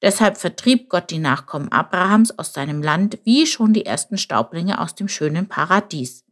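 A woman narrating a children's story in a calm, measured way. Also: fairly low pitch.

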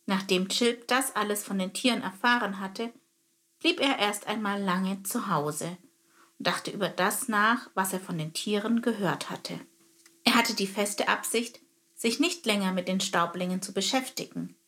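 A woman narrating a children's story in a calm, even reading voice. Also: medium pitch, measured pace.

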